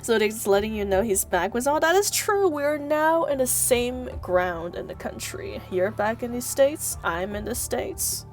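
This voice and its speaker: A woman livestreams a game with a slightly high voice, lively intonation, and a measured pace with few pauses, while music plays behind her. Playful and giggly, she chats with viewers, thanks them, reads story text aloud, and exclaims in mock scolding.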